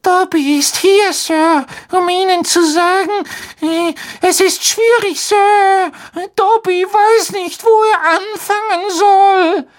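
A woman voicing a small, servile male house-elf in an audiobook, with a shrill, tearful voice and humble, overwrought pleading. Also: fairly even intonation, slow pace. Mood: earnest. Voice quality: squeaky, shrill and sobbing. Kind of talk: audiobook character voice.

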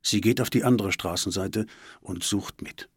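A man reading a story aloud in an expressive audiobook style. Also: on the low side, normal speed, husky, no echo, clean studio sound. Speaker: narrator.

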